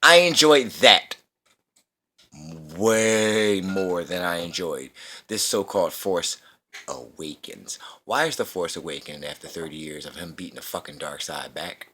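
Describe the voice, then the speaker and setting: A man's voice: sits low, measured pace, pushed and bright, slight background noise. A man in his thirties ranting in a casual movie review, profane, slangy and repeating himself. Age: 30s. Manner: slangy street talk.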